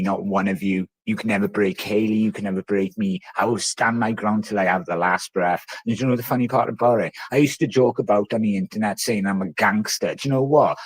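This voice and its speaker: A man's voice: fairly low pitch, slightly rough, no echo. A man with a Welsh Valleys accent rants casually on a livestream, combative, boastful and swearing freely. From South Wales Valleys. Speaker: live streamer. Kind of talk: ranting casual livestream talk.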